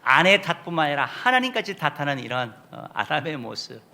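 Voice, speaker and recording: Male senior pastor in a church sanctuary, gravelly and bright, emphatic sermon delivery. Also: on the high side, very animated, brisk. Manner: emphatic preaching with sudden loud rises and soft drops.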